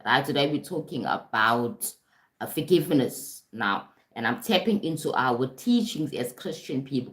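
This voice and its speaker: A woman's voice: rumbling low, roomy sound. A South African woman, a life coach, giving a casual live-streamed talk and often checking in with "right?" and "you understand?". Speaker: life coach and motivational speaker. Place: home in Durban, streaming.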